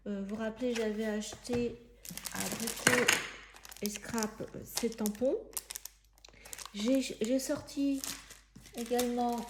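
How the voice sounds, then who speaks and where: A woman giving a casual step-by-step craft demonstration, thinking aloud in halting, searching phrases as she works. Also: on the high side, a little mellow, slight background noise. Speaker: craft tutorial presenter.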